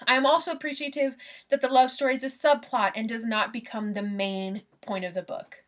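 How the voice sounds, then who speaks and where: Chatty young woman reviewing a book. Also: fairly high pitch. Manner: chatty, animated, laughs often. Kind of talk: casual book review vlog.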